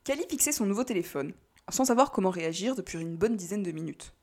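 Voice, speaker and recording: A woman narrating a novel in a calm, measured reading voice. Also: medium pitch, background noise. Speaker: audiobook narrator. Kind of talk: scripted narration.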